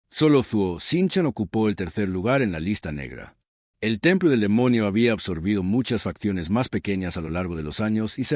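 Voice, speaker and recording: A man narrates a scripted story recap with a low voice that rises and falls a lot. His delivery is measured and dramatic. The sound is dry and close to the mic. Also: darkish tone, dry recording.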